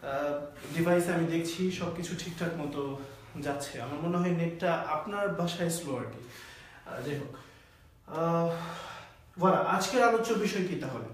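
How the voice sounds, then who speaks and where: A man's voice: on the high side, moderate pace, pauses often, heavy reverb, distant mic, a little hiss or hum. A man teaching French in a live online class, explaining pronunciation step by step and often saying "voilà".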